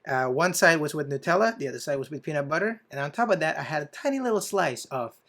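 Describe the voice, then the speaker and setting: Upbeat young man, higher voice. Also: lively intonation, fast talker, fairly bright tone. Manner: upbeat, teasing. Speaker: podcast co-host. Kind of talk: casual chat.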